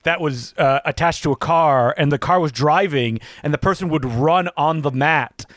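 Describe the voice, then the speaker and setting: A man's voice: fairly high pitch, normal speed, dry recording, clean studio sound. A man co-hosting a podcast, chatting casually about a movie, often laughing. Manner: laughs often, animated film-buff chatter. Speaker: podcast co-host.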